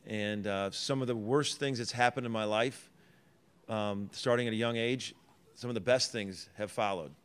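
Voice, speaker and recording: Earnest rambling basketball coach at a press conference. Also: male voice, lowish voice, normal speed, a bit bright, clean tone. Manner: earnest, rambling, many fillers and restarts. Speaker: college basketball head coach.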